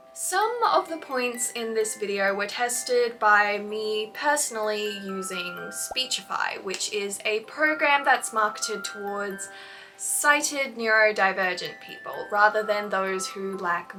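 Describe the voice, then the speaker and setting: Over background music, the host of a fan fiction writing advice video delivers a scripted lesson on writing with clear, emphatic phrasing. Her voice is on the high side, pushed and bright, and the mic sits at a distance.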